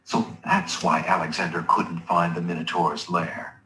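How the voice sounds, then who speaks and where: A solemn storybook narrator for a fantasy game. His low, forceful voice reads scripted narration in a measured, dramatic way, with a roomy sound and faint noise. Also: sing-song, vocal fry, full character voice.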